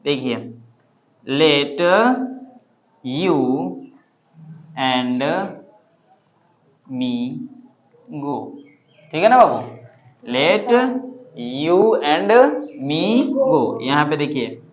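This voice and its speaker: A man teaching English grammar to a class, repeating each phrase slowly and often checking that students understand. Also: mid-range voice, expressive, dull audio. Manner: slow, repetitive drilling, checking understanding. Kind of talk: classroom lesson. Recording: echoey classroom.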